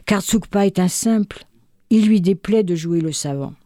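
A woman telling a folk tale aloud in an expressive, measured way. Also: medium pitch, dry recording, clean studio sound. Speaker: storyteller.

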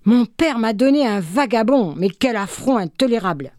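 A proud young princess, indignant and sharp-tongued, as a woman storyteller voices her. The voice rises a little above the narration and stays warm and dry. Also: mid-range voice, lively intonation, unhurried, no echo, voice pushed up, close to an everyday voice. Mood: furious.

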